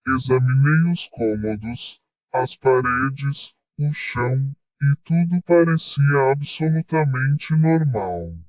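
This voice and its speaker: Slow man through a voice changer. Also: medium pitch, a little mellow, dry recording, far from the mic, low-quality recording. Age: 30s. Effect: voice changer altering his voice. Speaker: interviewed witness. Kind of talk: first-person account of a scary story.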